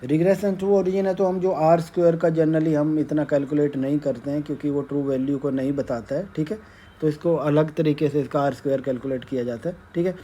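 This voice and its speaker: Man lecturing, dark voice, faint noise. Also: on the high side, steady tone. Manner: repeats "theek hai" after nearly every sentence, slow and stepwise, mixing English terms. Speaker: economics teacher. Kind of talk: whiteboard lecture.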